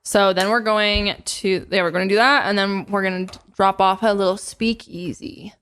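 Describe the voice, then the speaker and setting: A young woman co-hosts a podcast in a mid-pitched voice, and her talk is loose, gushing and full of fillers. She chats casually while putting on makeup and swears now and then. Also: fairly even intonation, moderate pace, a bit bright, clear, resonant tone. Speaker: podcast co-host.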